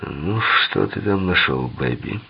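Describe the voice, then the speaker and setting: A man voicing a lazy, sneering male gangster who talks slowly in a low drawl. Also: animated, gravelly, breathy edge, dull audio, exaggerated voice.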